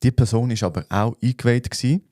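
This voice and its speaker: A man with a Swiss German accent, co-hosting a podcast, explaining things in a relaxed way with plenty of fillers. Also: medium pitch, fast, dry recording, clean studio sound. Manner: relaxed, thinks aloud with fillers. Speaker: podcast co-host. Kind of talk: casual chat.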